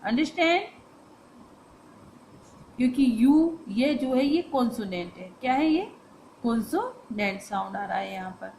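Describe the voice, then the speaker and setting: A woman teacher explains a grammar lesson to students. She poses questions and answers them herself, and says the phrases slowly and with stress. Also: fairly high pitch, animated, gravelly, a little mellow, slight background noise, low-quality recording.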